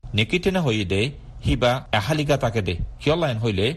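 A man's voice: mid-range voice, lively intonation, normal speed, breathy edge. A man presenting a radio programme, reading a scripted story aloud as a presenter. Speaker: radio presenter and translator for a language lesson.

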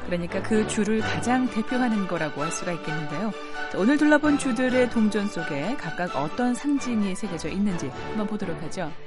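A woman hosts live radio with a lively, animated voice, prompting her co-host in conversation. Music plays clearly behind her. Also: mid-range voice, brisk, hardly any pauses.

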